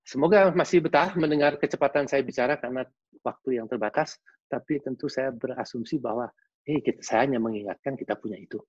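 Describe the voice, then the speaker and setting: A man giving a lively webinar lecture, acting out facial expressions with casual slang asides. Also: mid-range voice, a little fast, husky, no room sound. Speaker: behavioral analyst giving a webinar talk. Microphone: video call. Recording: dull lo-fi video call audio.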